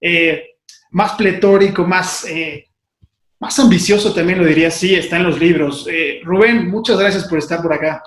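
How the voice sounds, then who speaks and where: A man's voice: sits high, normal speed. Hesitant male interviewer in a roomy space. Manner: admiring, hesitant with many fillers. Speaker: interviewer, host. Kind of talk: interview talk.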